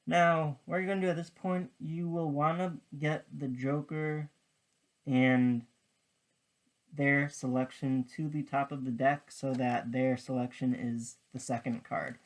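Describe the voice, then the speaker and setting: A tutorial presenter with a mid-pitched voice delivers casual card magician patter. The pace is slow, and the explanation comes step by step in halting little pieces.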